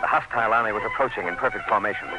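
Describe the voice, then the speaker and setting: An actor-narrator in a radio drama plays an anxious, fascinated colonial commissioner recounting a jungle ordeal through first-person narration and dialogue. His fairly low voice, close to an everyday one, moves very fast with a grave, suspenseful, literary delivery. Music plays behind him, and the audio is poor.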